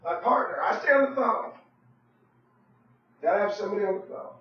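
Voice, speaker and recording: Hoarse high-voiced man pitching on a call. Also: animated, a little fast, roomy sound, dull audio. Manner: persuasive, pushy, repeats "okay?" and "right?"; clears throat often. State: hoarse, losing his voice. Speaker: real estate agent on a sales call. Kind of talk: phone sales call.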